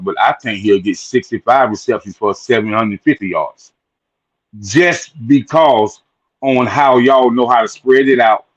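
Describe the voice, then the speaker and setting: A man's voice: mid-range voice, dull audio. A man who is a guest on a casual sports chat, talking emphatically and repeating words as he builds his points.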